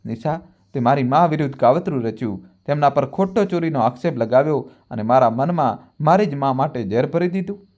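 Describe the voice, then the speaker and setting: A man voicing a grown son torn between grief and anger, speaking loudly and accusingly. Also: medium pitch, animated, brisk, dull audio, lightly acted. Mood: furious. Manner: loud, accusing. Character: grieving, furious grown son.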